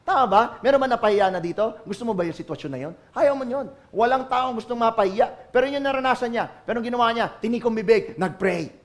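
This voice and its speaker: Filipino male pastor, high-pitched, dynamic church preacher moving between soft and loud. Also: fast, few pauses. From Philippines. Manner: preaching in mixed Tagalog and English, swinging from hushed to loud and emphatic. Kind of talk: sermon.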